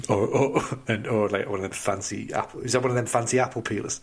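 A man bantering on a podcast, making quick jokes and laughing a lot. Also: fairly low pitch, fairly even intonation, breathy edge. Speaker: podcast co-host. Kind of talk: casual banter.

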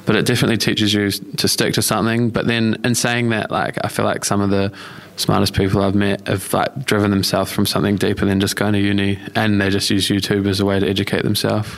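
Speaking fast with few pauses, a young man with a New Zealand accent sounds gravelly and lowish, his delivery completely flat. He's an interview guest from Australia and New Zealand, casually chatting and offering reflective, informal answers full of hedging.

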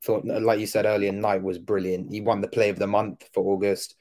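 A man's voice: lowish voice, little pitch movement, brisk, darkish tone. A man co-hosting a football podcast, going over a match in casual chat, rambling with many fillers.

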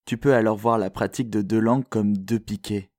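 A man from France with a French accent, hosting a podcast in a calm, reflective, measured way, as scripted narration. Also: on the low side, no room sound, studio quality. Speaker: podcast host.

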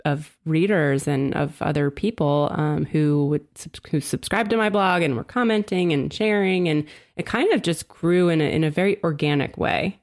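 A woman's voice: low-pitched, normal speed, few pauses, darkish tone. A woman from South New Jersey, chatting casually in an interview with lots of fillers and laughter. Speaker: design blog founder, podcast co-host.

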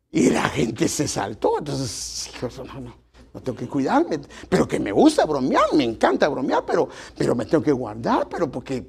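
A man's voice: fairly high pitch, gravelly, darkish tone, breathy edge. A middle-aged man, preaching a folksy sermon to his congregation and addressing them as brothers. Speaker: pastor.

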